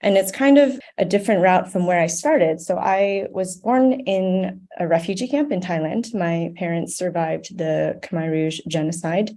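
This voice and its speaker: An American woman who grew up in Ohio appears as a podcast guest and nonprofit board member, speaking earnestly and thoughtfully in a reflective, conversational way. Her voice is lowish and dark in tone, a little slow, with hardly any pauses.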